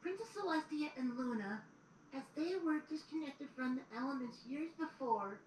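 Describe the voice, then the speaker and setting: In an audio drama, a woman voices a young boy dragon assistant reading history aloud, her high, slightly mellow voice animated and moderately paced. She tells the story earnestly, storybook style. The replayed audio is noisy, distant and roomy.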